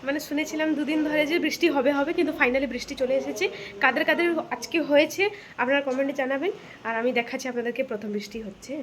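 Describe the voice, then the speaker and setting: A woman with a West Bengal accent talks through her day in a casual home vlog, addressing her viewers directly. Her voice sits high, and a faint household ambience hums behind her in the kitchen. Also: fast, a little hiss or hum. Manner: chatty, talks straight to viewers. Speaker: vlogger.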